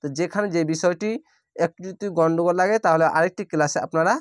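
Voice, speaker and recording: A man teaching Quran reading, spelling out each syllable slowly and then blending it into the word. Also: fairly high pitch, steady tone. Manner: draws out recited words very slowly. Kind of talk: slow letter-by-letter recitation lesson.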